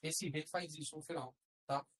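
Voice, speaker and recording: A woman's voice: low voice, fairly even intonation, normal speed, rough recording. A woman teaching a class, explaining patiently step by step and checking in with her students. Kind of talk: classroom lesson.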